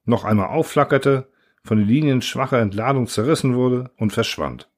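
A man reading a science fiction story aloud in steady scripted narration. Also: mid-range voice, moderate pace. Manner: steady, even audiobook reading.

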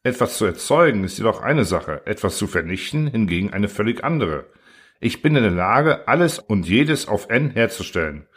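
A man's voice: on the low side, very animated, normal speed, fairly bright tone, slightly rough, exaggerated voice. A man reading an audiobook voices a vain, boastful thinking machine with a metallic, indifferent manner. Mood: smug. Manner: smug, indifferent, self-important.

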